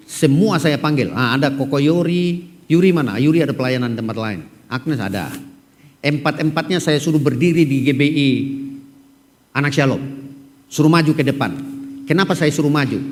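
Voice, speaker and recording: A middle-aged male pastor with a rough voice, preaching an animated, joking sermon and calling on members of his congregation by name. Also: fairly high pitch. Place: church hall. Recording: long church hall reverb.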